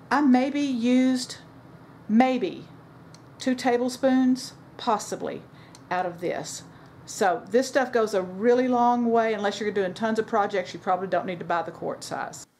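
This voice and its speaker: A woman's voice: fairly high pitch, a little mellow, slight background noise. Chatty woman rambling through a DIY project. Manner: chatty, rambling, self-correcting with fillers. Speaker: DIY furniture vlogger. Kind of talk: casual how-to narration while working. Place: home sewing room, indoors.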